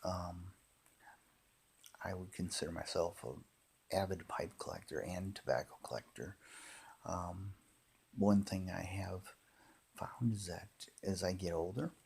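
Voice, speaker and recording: Very husky, gravelly middle-aged man, low-pitched. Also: a little mellow. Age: 50s. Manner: unhurried, halting, reminiscing. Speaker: pipe hobbyist and former tobacco shop worker. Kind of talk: rambling casual monologue.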